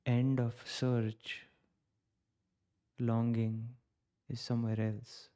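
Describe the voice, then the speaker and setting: A man from India, guiding a reflective contemplation in slow, short phrases with long pauses. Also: medium pitch, level tone, warm tone, smooth. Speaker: contemplation guide. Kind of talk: guided contemplation.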